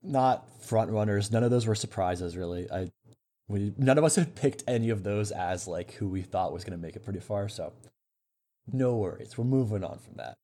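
A man with a fairly low voice chatting casually among friends. He talks in a relaxed way, walking through events one after another. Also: moderate pace. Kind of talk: casual chat.

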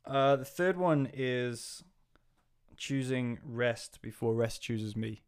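Male coach guest, mid pitch, rambling casual chat with lots of restarts. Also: slow, clear, resonant tone. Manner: rambling, with many fillers and restarts.

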